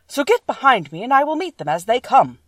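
Storybook hero read by a woman: brave tin man, protective, firm, lifted pitch. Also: very animated, brisk, no echo, clean studio sound, far from the mic. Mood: resolute. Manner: firm, resolute.

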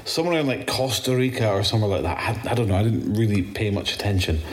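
Speaking with a Scottish accent, a man voices a worn-out, shaken survivor of a zombie apocalypse in an audio drama, stumbling through his recorded testimony and cursing. The pitch is fairly low and the delivery natural, carrying a tired, bitter mood.

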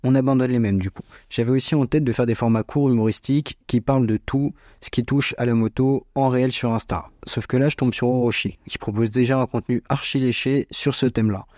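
Young man, twenty, mellow voice, slangy casual delivery, scripted podcast monologue, dry bedroom sound. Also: medium pitch, steady tone, a little fast, few pauses, no echo. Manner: informal, slangy, chatty. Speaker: podcast host. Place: small bedroom at parents' home, dry sound. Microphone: small home microphone.

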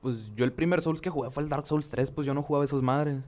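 A man's voice: fairly high pitch, fairly even intonation, fast talker, crowd noise. Profane, slangy northern Mexican man. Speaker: podcast co-host. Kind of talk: casual chat about video games.

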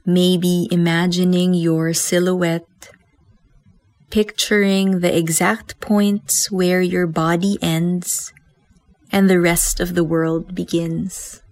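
A woman with a Filipino accent leading a guided meditation as a teacher, speaking in a calm, gentle way with unhurried pauses. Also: lowish voice, no room sound.

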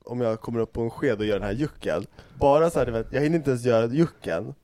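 A man's voice: mid-range voice, dry recording. A man in his thirties co-hosting a podcast, telling crude stories in casual chat, acting out quotes and laughing often. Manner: animated storytelling, acts out quotes, laughs often. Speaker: podcast co-host.

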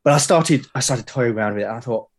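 A fast-talking British man with a medium-pitched, slightly breathy voice is a guest on a podcast. The interview is casual and conversational, and his enthusiasm comes with hesitation and repeated words.

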